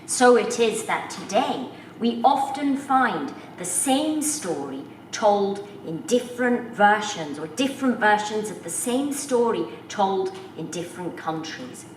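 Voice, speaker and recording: A woman telling a folk tale to children in an unhurried, expressive way, speaking directly to her listeners. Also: mid-range voice, far from the mic, slight background noise. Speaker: storyteller. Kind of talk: storytelling for children. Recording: roomy echo, voice from off the mic, faint background.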